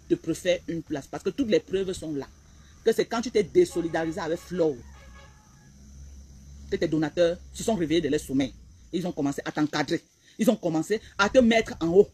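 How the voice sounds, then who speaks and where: A woman's voice: on the low side, darkish tone, breathy edge, low-quality recording. A woman blogger, delivering a heated, repetitive, confrontational rant on a live stream.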